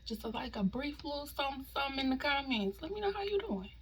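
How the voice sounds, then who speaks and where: A woman hosting a casual mukbang, chatting informally and slangily to viewers as she eats, often slipping into soft, hushed asides. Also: high-pitched, sing-song, fast talker, slight background noise. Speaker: mukbang host eating on camera. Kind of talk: casual mukbang chat to viewers while eating.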